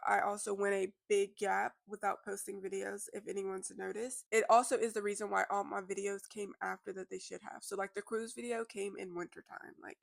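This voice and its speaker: A congested woman in a heart-to-heart vlog, her words a little slurred and her voice gravelly with fry. She talks in a candid, reflective way that loops back and restarts. The sound is dry and close. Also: medium pitch, flat delivery, a little fast, few pauses, no room sound. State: congested, slightly slurred speech. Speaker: vlogger. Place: indoors at a relative's house.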